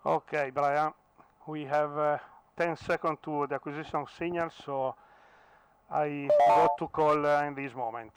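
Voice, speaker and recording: A man with an Italian accent coordinating a radio contact as the station operator, speaking in a halting, deliberate way. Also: a little high, steady tone, a little hiss or hum, low-quality recording.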